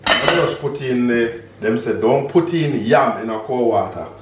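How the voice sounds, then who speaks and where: A man with a Jamaican accent hosting a relaxed cooking video, talking the viewer through each step and slipping into patois phrases. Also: mid-range voice, unhurried, heavy background noise. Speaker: home cook and vlog host. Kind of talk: casual cooking demonstration. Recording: echoey kitchen with background music.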